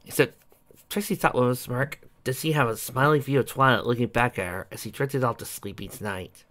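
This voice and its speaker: A man narrating a fan fiction story aloud in an expressive storytelling manner. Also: medium pitch, fairly quick. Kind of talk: fan fiction audiobook reading.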